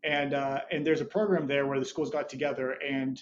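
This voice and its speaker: A man's voice: mid-range voice, fairly even intonation, fairly quick, highs cut off, slight background noise. A man in his thirties, a startup founder talking as a podcast guest, rambling with many restarts and short laughs. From Budapest, Hungary, raised there as an American. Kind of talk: casual interview chat.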